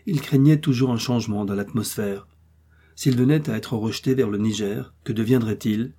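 A man reading a classic adventure novel aloud as scripted audiobook narration, in a steady, measured way. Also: lowish voice, a little hiss or hum. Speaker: audiobook reader.

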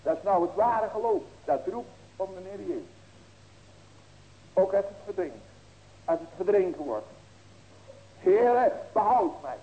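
A sixties-aged pastor gives a sermon with earnest, folksy warmth, asking rhetorical questions and letting out emphatic ringing cries. He speaks in a high, warm voice with lively intonation at a moderate pace, leaving long pauses. The recording is rough.

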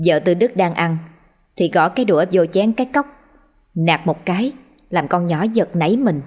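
A woman's voice: on the low side, lively intonation, normal speed, darkish tone. Southern Vietnamese woman narrating a story. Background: faint music.

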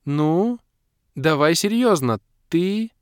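A man voicing an excitable young woman in an audiobook, squealing and firing rapid questions. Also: mid-range voice, no room sound, studio quality, pitched above the performer's own voice. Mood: startled. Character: excitable young woman, shrieking, quick to pester. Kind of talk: audiobook character voice.

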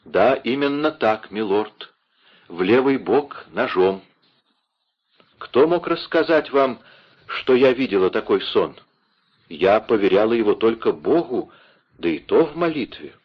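A man's voice: fairly low pitch, expressive, unhurried, pauses often, breathy edge, lo-fi sound. A man voicing an anguished, proud young queen in an audiobook, pleading and emotional. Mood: frightened.

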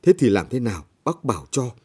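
A man's voice: mid-range voice, big pitch swings, fairly quick, mellow, slightly rough. A man voicing a frightened peasant widow who pleads anxiously. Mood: pleading.

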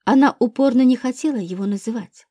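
A grown son faces questioning with restraint, read by a woman. His answers come calm and measured. The voice sits a little high and mellow, recorded close and dry. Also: no echo, lightly acted. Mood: restrained.

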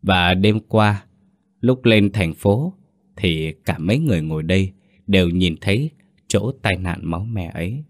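A man narrating a ghost story in a steady, soft-spoken way. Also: sits low.

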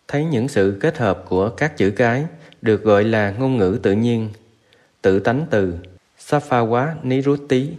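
Man reciting Buddhist scripture, measured. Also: medium pitch, darkish tone. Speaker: narrator. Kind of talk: reading a Buddhist scripture aloud.

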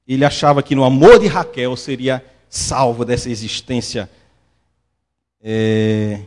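A male pastor, preaching a sermon and telling stories with lively acted-out voices. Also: mid-range voice, measured pace. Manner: animated storytelling, acts out quoted voices.

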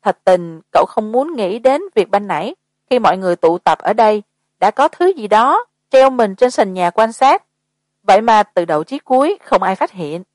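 A woman's voice: medium pitch, lively intonation, moderate pace, a little mellow, no echo. Woman narrating a horror audiobook. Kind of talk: scripted narration.

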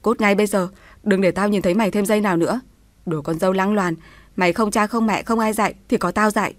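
A woman's voice: medium pitch, steady tone, fast, no echo, lightly acted. A woman voicing a cruel older mother-in-law, scolding in a harsh, cutting way. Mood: furious scolding.

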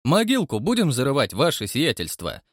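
A man's voice: medium pitch, wildly swooping pitch, moderate pace, dry recording, studio quality. A man doing a hollow-voiced servant. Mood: deadpan. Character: deferential male servant with a hollow voice.

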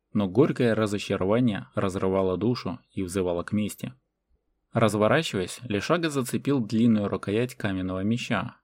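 A man reading a fantasy novel as audiobook narration in a measured way. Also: fairly low pitch, a little mellow. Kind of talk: scripted narration.

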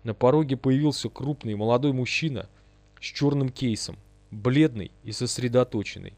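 A man's voice: medium pitch, normal speed, a little mellow, dry recording. A man giving a dramatic, vivid first-person audiobook narration.

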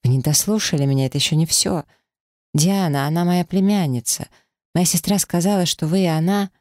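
A man's voice: on the high side, a little fast, darkish tone, no room sound, studio quality, voice pushed up, close to an everyday voice. Man voicing a desperate young woman. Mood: pleading. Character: young woman pleading for her sick niece.

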